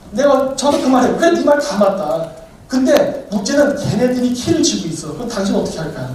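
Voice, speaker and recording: A man's voice: high voice, a little mellow. A man giving a heated political lecture as a commentator, combative, firing off rhetorical questions one after another. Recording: very echoey room, distant mic, faint noise.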